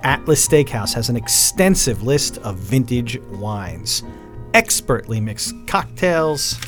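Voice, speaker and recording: A man's voice: medium pitch, very animated, takes it slowly, faint music behind. A man from New York co-hosting a radio talk show, dryly teasing his partner and reading ads. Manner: dry, teasing. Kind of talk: casual radio banter and ad reads.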